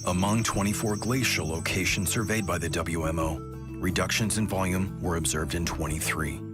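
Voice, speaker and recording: Deep-voiced male narrator over loud music. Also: moderate pace. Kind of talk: scripted narration. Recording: loud music bed behind voice.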